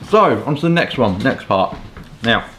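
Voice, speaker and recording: A man's voice: medium pitch, expressive, moderate pace. Young southern english guy doing a chatty rambly vlog, roomy echo, bit of background noise. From southeast England. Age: 20s. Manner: rambling, with hedging asides. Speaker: pipe and cigar review vlogger. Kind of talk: casual chat. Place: small furnished room at home, indoors.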